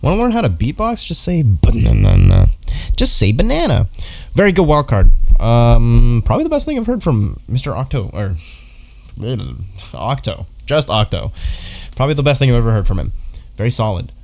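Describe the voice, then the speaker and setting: A man's voice: medium pitch, wildly swooping pitch, normal speed, a little mellow, no room sound. A man casually judging beatbox entries on a live stream, rambling with many fillers and small laughs. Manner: rambling, filler-heavy, laughs while talking. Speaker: beatbox judge reacting to entries.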